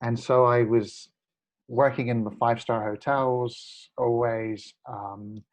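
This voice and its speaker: A guest in his forties, heard over a video call, reflects earnestly on his own story in a casual chat, often using fillers and starting over. His voice is medium-pitched, steady in tone, and slow.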